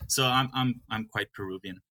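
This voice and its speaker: A young Peruvian man who manages a coffee farm speaks in a casual interview, hesitant and often stopping to restart his sentences. His voice is on the low side and sharp in tone, at a normal speed.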